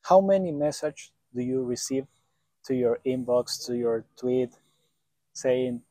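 A man in his thirties interviewing a footballer outdoors, asking questions haltingly and searching for words. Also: medium pitch, warm tone, dry recording. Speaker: sports interviewer. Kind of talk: interview questions in second language. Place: outdoors by sports courts.

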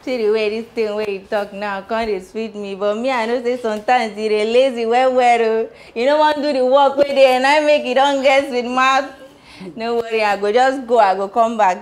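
A woman's voice: a little high, fairly even intonation, normal speed, lightly acted. An actress playing a sassy young woman who works in a shop, teasing in Nigerian Pidgin. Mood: bantering. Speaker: shop worker. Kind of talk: Nollywood film acting.

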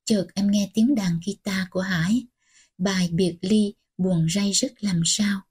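A woman reading a novel aloud as an audiobook narrator, in gentle, unhurried storytelling. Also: mid-range voice, steady tone, breathy edge.

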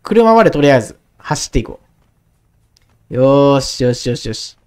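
A woman in her twenties giving casual gameplay commentary, excitable and talking to herself, repeating words in quick bursts. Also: a bass voice. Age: 20s. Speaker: gaming YouTuber.

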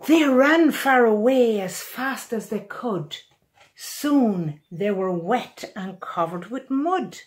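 This older woman, in her sixties, has a voice on the high side as she reads her own picture book to children. She tells it in an animated, expressive, deliberate way from a small room in her home.

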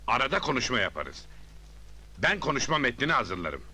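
A scheming businessman boss in a film comedy. His mid-pitched voice is very bright and forceful, brisk and commanding, with lively swings. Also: husky, exaggerated voice. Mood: scheming, businesslike. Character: scheming businessman boss buying up village land. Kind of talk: Turkish film comedy acting.

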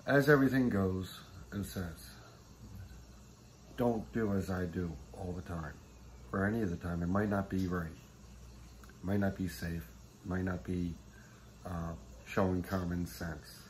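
Man in his forties, low voice, plainspoken vlog host, phone at arm's length, faint background noise. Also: fairly even intonation, slow pace, pauses often. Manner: plainspoken, self-admitting, talks about common sense. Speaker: channel host. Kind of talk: casual how-to vlog. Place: small room with wood stove, indoors. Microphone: phone camera at arm's length.

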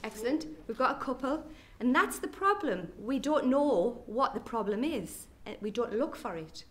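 A woman's voice: fairly high pitch, expressive, normal speed, a bit bright. A middle-aged woman with a Geordie accent, a nurse consultant giving a conference presentation with chatty, jokey asides to the audience. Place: lecture hall at an education day.

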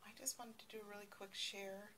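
A woman's voice: mid-range voice, steady tone, fairly quick, sharp tone. A middle-aged woman, casually showing off a craft project in a rambling way, recorded on a handheld phone. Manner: rambling, with many ums and restarts. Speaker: crafting vlogger. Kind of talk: casual show-and-tell. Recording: phone video with faint background hiss.

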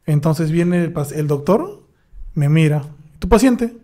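A young man narrates a personal story on a podcast in a relaxed, casual way. His voice sits a little high, with a dark, mellow timbre. He imitates the people in his story as he goes. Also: a little slow. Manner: animated anecdote telling, acts out dialogue. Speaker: podcast co-host, dentist.

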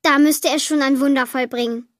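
A woman reading a children's Christmas story aloud, lively and lightly voicing the girl and her parents. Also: high voice, fairly quick, no echo, studio quality. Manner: lively, voices the child, mother and father lightly.

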